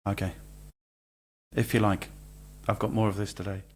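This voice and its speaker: A man's voice: fairly low pitch, little pitch movement, normal speed, a little mellow, breathy edge. A man co-hosting a podcast, ranting in an exasperated, sweary way in casual chat. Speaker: podcast co-host.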